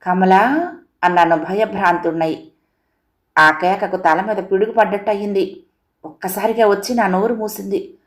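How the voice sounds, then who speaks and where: A woman storyteller calmly narrating a written short story. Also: medium pitch, moderate pace, long pauses. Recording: roomy echo.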